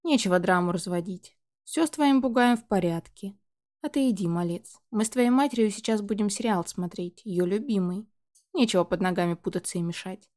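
A woman's voice: mid-range voice, fairly quick, a little mellow, natural voice. A woman reading the lines of a blunt, joking middle-aged father in an audiobook. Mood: teasing.

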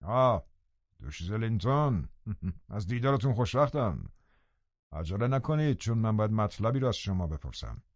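A man's voice: fairly low pitch, big pitch swings, dry recording. An actor playing a menacing, mocking grown man in an audiobook, taunting with a cold manner. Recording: dull dry audiobook recording.

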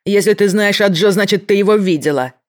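A reader voicing a desperate, unhinged man who has a bomb and shouts threats down the phone. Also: mid-range voice, moderate pace, voice pushed up, lightly acted. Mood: raging. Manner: shouting, hissing, voice breaking. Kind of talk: audiobook character voice.

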